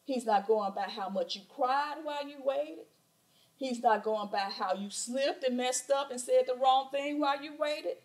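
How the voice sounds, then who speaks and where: Animated Southern woman preaching. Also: high-pitched, moderate pace, low-quality recording. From southern United States. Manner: animated preaching with rhetorical questions and emphatic repetition. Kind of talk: sermon. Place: church sanctuary at a pulpit. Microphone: pulpit microphone.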